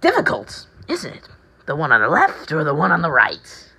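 A woman doing a raspy, manic Joker. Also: low voice, wildly swooping pitch, sharp tone, exaggerated voice. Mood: taunting showman. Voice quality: raspy, strained. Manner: theatrical, swooping, drawn-out taunts. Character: manic, taunting male comic-book villain clown, the Joker. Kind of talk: amateur audition reading of video game villain lines.

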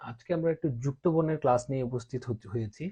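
A man teaching a class, explaining step by step with patient pauses and hesitations. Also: mid-range voice, warm tone, breathy edge. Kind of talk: explaining at a board. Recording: dull lo-fi recording.

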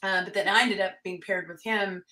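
A woman with a bright, forceful voice tells stories in an animated way, with sudden loud bursts when she acts out quotes. She sits a little back from the mic, so the voice sounds slightly distant. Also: mid-range voice, a little fast, echoey room. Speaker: country singer and fiddler, guest. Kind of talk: storytelling interview chat.

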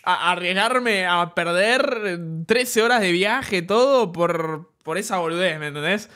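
A young man with an Argentine accent chatting excitedly on stream, telling stories and swearing freely while reacting to a video. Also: high voice, measured pace, clear, resonant tone. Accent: Argentine Spanish. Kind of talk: casual stream chat.

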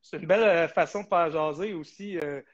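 A man's voice: on the high side, fairly quick, dull audio. A man with a Québécois French accent chatting as a podcast contributor, easygoing and full of hesitations. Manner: easygoing, hesitant with many fillers. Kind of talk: casual podcast chat.

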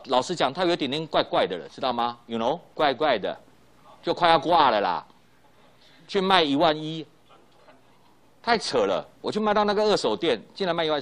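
Here a middle-aged physics teacher with a Taiwanese Mandarin accent is very animated and talks a little fast in a recorded high school lecture. He chats along, finishing lines with small fillers and restating the main points.

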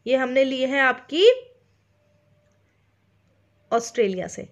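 High-voiced Indian woman teaching slowly. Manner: speaks slowly on purpose, checking in with listeners often; mixes English terms into her explanations. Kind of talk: online exam-prep lecture.

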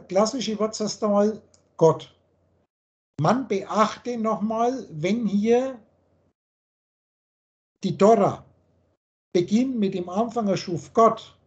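A man lecturing on a video call and explaining the meaning of words letter by letter, in the manner of a spiritual teacher. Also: high voice. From Germany.

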